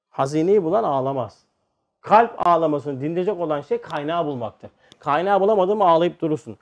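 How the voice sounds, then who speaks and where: A man giving an informal religious lecture, talking to listeners like a brother and moving between quiet asides and emphatic points. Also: high voice. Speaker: religious teacher.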